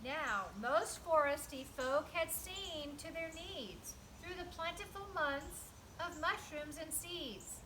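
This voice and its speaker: A woman with a high, bright voice reads a children's story aloud at an unhurried pace. She is animated and emphatic, like a teacher guiding young listeners. There is faint noise behind her. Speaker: storyteller reading a picture book to children. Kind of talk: expressive read-aloud with explanatory asides.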